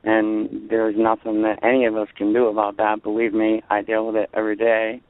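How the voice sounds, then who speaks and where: A man's voice: fairly low pitch, completely flat delivery, brisk, no echo. A man calling in to a radio show, talking earnestly and bluntly about standing his ground. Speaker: caller. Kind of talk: call-in radio talk. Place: outdoors in a parking lot. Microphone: phone. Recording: tinny phone line.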